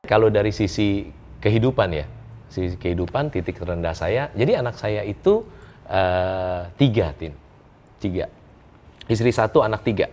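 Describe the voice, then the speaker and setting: Guy telling stories in an interview, lowish voice, jokes around a lot, faint room hum behind. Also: normal speed. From Indonesia. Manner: lively, joking storyteller who chuckles often and slips in English words. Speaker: business coach, interview guest. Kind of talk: casual interview storytelling.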